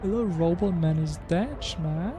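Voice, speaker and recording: A man's voice: high voice, normal speed. A young man streaming a game, giving casual, emotional commentary and often tagging "man" onto his sentences. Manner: emotional, keeps saying "man".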